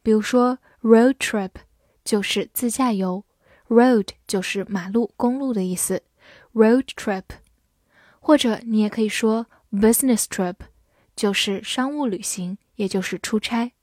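Woman, English vocabulary teacher, unhurried delivery, fairly high voice, dry close sound. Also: darkish tone, dry recording. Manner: slow, deliberate, spells words letter by letter. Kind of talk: vocabulary lesson.

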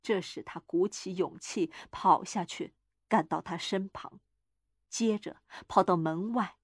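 A woman's voice: lowish voice, breathy edge, dry recording. Dry, close woman storyteller. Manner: measured, dramatic reading. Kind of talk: scripted narration of a horror story.

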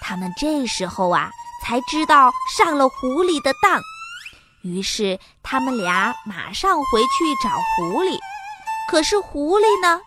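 A woman telling a children's story in an animated, sing-song way. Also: high voice, a little slow. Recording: music playing behind. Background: background music.

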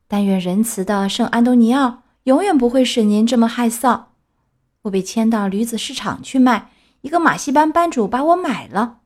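Storybook role: woman voicing a high, chatty, cheeky wooden puppet boy. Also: darkish tone. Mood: storytelling.

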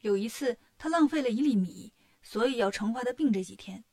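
A woman's voice: a little high, expressive, fairly quick, darkish tone. A woman voicing a boastful, cheeky male monkey king who talks brashly and teases. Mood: cocky. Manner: brash, bragging and teasing.

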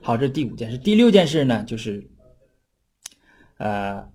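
A man with a slightly husky, mid-pitched voice lecturing informally on ancient texts. He talks in a relaxed, conversational way and keeps turning to his listeners with little tag questions. When he quotes a classical passage, he slows to a measured reading pace. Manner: chatty, often adds tag questions for listeners; slows down to read classical text aloud. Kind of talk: casual explanatory lecture.

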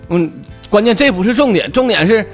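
A man's voice: sits high, lively intonation, fairly quick, soft background music. A man with a Northeastern Mandarin accent telling jokes as a stand-up comedian, chatty and full of dialect slang. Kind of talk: comic joke telling.

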